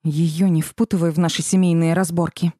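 A woman's voice: fairly low pitch, level tone, a little fast, mellow, no echo, clean studio sound, lightly acted. A woman voicing a fiery young red-haired witch in an audiobook, hissing and indignant.

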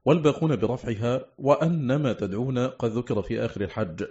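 In a dull, lo-fi recording, a man with a warm, mid-range voice reads a scholarly text for an audiobook. He works through it steadily and methodically, listing one item after another.

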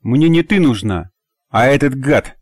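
A man voicing a bitter, hot-headed young husband in an audiobook, talking low through gritted teeth. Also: lively intonation, measured pace, darkish tone, dry recording, studio quality.

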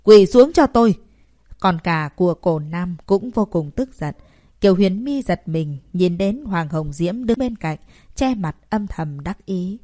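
A woman reading a dramatic novel aloud as narrator, in a steady storytelling voice. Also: fairly low pitch, measured pace, no room sound, clean studio sound. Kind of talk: audiobook narration.

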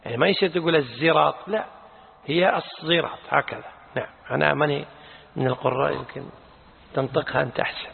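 A man teaching as a sheikh, commenting on a reading and correcting pronunciation in an unhurried way, with frequent short affirmations. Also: on the high side, gravelly, a little hiss or hum. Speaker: sheikh teaching a tafsir class. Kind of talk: explaining and correcting a reader. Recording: tinny phone-like lecture recording with long hall reverb.

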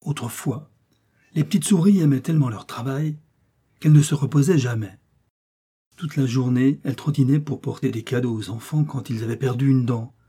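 A man reading a children's story aloud with a gentle, expressive delivery. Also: mid-range voice, breathy edge. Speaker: narrator.

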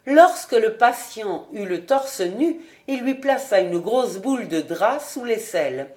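A woman narrating a literary audiobook in a measured, clear reading voice. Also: a little high, lively intonation, a little mellow. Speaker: audiobook reader.

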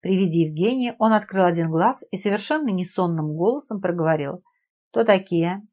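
Female audiobook narrator, steady storytelling, lowish register, dull lo-fi recording. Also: fairly quick. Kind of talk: scripted narration.

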